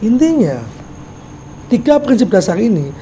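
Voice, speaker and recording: A man's voice: extremely high pitch, big pitch swings, measured pace, slight background noise. A man giving a motivational business lecture, asking his audience rhetorical questions. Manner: acts out little dialogues in a softer voice. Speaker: business mentor.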